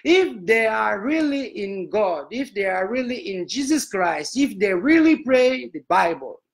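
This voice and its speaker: Here a man impersonates a pompous, solemn prophet, delivering a comic sermon in broken English with a Nigerian accent. His high voice swings dramatically from word to word, creaky and very animated, and each phrase is stretched into slow, lofty preaching. The whole performance is heavily acted.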